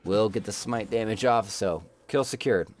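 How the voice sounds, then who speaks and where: Excitable male esports play-by-play caster. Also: on the low side. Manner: rapid play-by-play, jokey banter, rises excitedly in big moments. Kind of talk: live game commentary.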